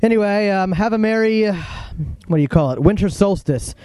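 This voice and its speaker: A man reading a comic letter in a dry, mock-solemn deadpan. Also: high voice, brisk. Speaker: comedian reading a letter bit.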